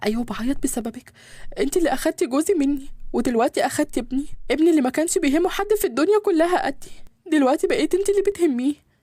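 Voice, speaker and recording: A woman with an Egyptian accent voicing a proud, wounded wealthy mother who speaks high and reproachfully in a storybook reading. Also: very fast, a little mellow, no echo, studio quality. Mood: bitter. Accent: Egyptian Arabic.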